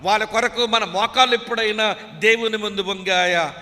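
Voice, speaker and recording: A man's voice: sits high, steady tone, normal speed, bright, forceful tone. A man preaching a sermon with a Telugu accent, pleading emotionally and calling his listeners beloved. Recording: long reverb of a large hall.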